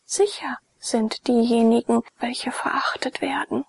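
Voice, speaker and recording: A woman's voice: on the high side, steady tone, a little slow, vocal fry, slightly rough, no room sound, pitched above the performer's own voice, exaggerated voice. A woman putting on a proud blind slave girl. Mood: proud, plain.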